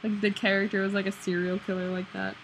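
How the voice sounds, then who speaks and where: A young woman co-hosting a casual gaming let's play, excitable and prone to jumpy yelps. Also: mid-range voice, fast talker, gravelly, slight background noise, poor audio.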